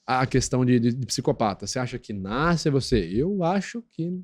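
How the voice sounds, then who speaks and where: Speaking fast, a Brazilian man appears as a guest expert on lie detection in a podcast interview, walking through ideas step by step in a teaching tone. He keeps checking in with "né?" and "tá?" and does quoted voices in a squeaky high pitch.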